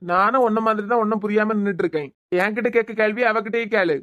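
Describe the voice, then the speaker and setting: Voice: mid-range voice, no echo, dull audio, natural voice. A voice actor playing a bewildered young husband in a cartoon, pleading with his crying wife. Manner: confused, pleading, quick-talking.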